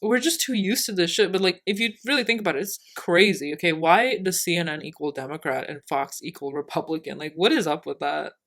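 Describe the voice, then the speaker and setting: A woman's voice: lowish voice, expressive, a little fast, few pauses, a bit bright. A young woman in her twenties, co-hosting a podcast in casual chat, rambling with many fillers and laughing, a little tipsy. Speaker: podcast co-host.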